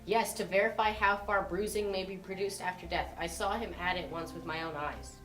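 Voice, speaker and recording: A woman's voice: on the low side, steady tone, fairly quick, a bit bright, natural voice, poor audio. A woman playing a chatty, helpful young man who explains at length, in an amateur drama reading with music behind. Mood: gossipy. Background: background music.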